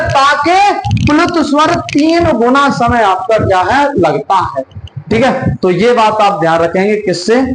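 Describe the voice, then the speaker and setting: A man with a very high voice runs an exam-prep lesson, asking a question and answering it himself as he drills terms. He stretches vowel sounds out to show them. The room echoes, with a faint hiss behind him. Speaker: teacher.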